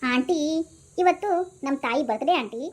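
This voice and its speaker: A woman voicing an emotional young man who calls the older woman aunty, speaking softly and pleadingly. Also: sits high, lively intonation, moderate pace. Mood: coaxing.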